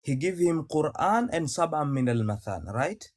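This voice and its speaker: A man's voice: fairly high pitch, very animated, very fast, no echo, clean studio sound. A man from Tanzania, debating religion on a call, who talks insistently, repeats himself and recites Arabic verses. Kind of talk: heated debate.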